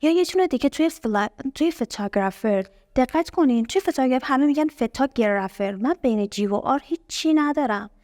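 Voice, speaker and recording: Higher-voiced woman teaching English. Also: lively intonation, a little mellow, no room sound, studio quality. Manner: patient, asks the class questions and repeats words slowly. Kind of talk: explaining a language lesson.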